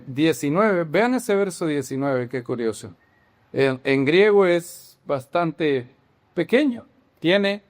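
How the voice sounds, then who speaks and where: A man preaching a sermon, emphatic and deliberate, repeating phrases and putting questions to his congregation. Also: on the high side.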